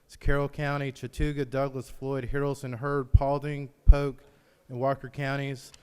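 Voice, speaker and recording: A man speaks as a senator in an informal floor address. His voice is smooth and resonant, and the big chamber rings with long reverb. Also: mid-range voice, level tone, moderate pace, darkish tone. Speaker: state senator. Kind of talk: brief informal floor speech.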